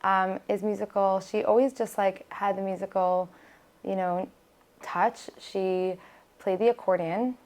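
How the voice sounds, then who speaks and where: Her mid-pitched voice is a little mellow, with fairly even intonation and a measured pace. She's an American podcast guest who grew up speaking Hebrew, chatting casually in an interview and often restarting or using fillers.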